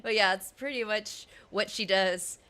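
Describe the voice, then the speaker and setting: A woman game streamer chatting casually with her live audience, giggly and animated, laughing often. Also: medium pitch, measured pace, clean tone.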